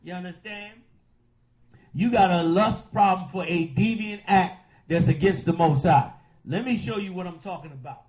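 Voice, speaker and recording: A man hosting a call-in radio show as a preacher, with a preachy, drawn-out emphatic delivery. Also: high-pitched, darkish tone, poor audio.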